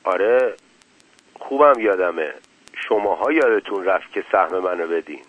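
A man's voice: sits low, lively intonation, no room sound, rough recording. A man voicing a sly, stubborn male go-between at a gambling game, talking in cocky back-alley slang. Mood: defiant.

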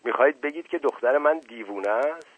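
A man's voice: medium pitch, breathy edge, dry recording, voice pushed up, lightly acted. A man voicing an older mother who shrieks curses in furious outbursts. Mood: outraged. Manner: cursing, wailing outbursts. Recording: tinny phone-like, dry.

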